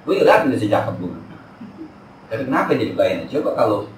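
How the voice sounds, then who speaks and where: A man's voice: fairly low pitch, sing-song, brisk, a little hiss or hum. A man, giving a chatty, joking religious study talk in a mosque. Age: 40s. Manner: chatty, jokey, slangy Jakarta talk. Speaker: Islamic teacher. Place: mosque hall. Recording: echoey hall from far off.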